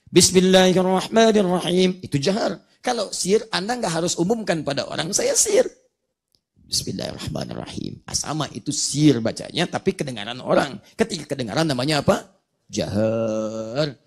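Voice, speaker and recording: A male preacher delivers a religious lecture at a brisk, rapid clip. His voice sits a little higher than most men's, and he keeps posing rhetorical questions to his listeners. He breaks into recited Arabic verses between his explanations. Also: breathy edge.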